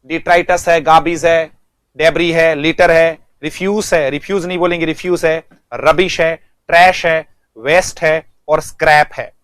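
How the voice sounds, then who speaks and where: A man's voice: fairly high pitch, fairly even intonation, unhurried, a bit bright, smooth, dry recording, clean studio sound. A male English teacher giving an online vocabulary lesson, speaking, repeating words and quizzing students.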